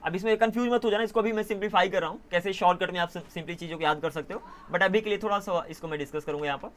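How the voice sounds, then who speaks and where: A young man teaching an online English class in a casual way, often pausing to correct himself. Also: high voice, fairly bright tone, slight background noise. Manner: casual, self-correcting, mixes Hindi and English.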